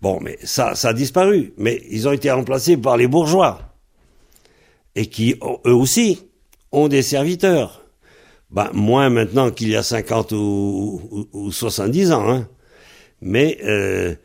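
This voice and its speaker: A man teaching a language lesson, patiently repeating words and phrases slowly so they can be pronounced. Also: on the low side, vocal fry, darkish tone.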